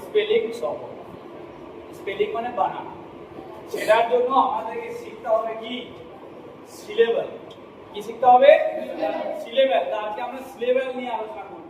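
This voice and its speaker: A man's voice: very high-pitched, moderate pace, pauses often. A male teacher giving a classroom lesson, who spells words out letter by letter and keeps asking the class if they follow. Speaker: English teacher. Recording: echoey room from far off, noisy.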